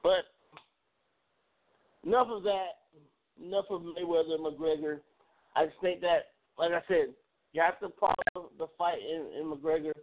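A male sports radio host talks in a loose, rambling way, circling back over his own words. His voice sits a little high, and the recording is thin and boxy, like a phone line. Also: a little slow, pauses often. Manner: rambling, repeats words, animated. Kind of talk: casual sports talk show. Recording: phone-like narrow band.

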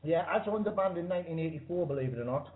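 A British man chats casually as a musician being interviewed. His voice sits slightly high. It comes over a narrow, tinny internet call. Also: lively intonation, very fast. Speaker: interview guest, band musician. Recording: thin internet call line.

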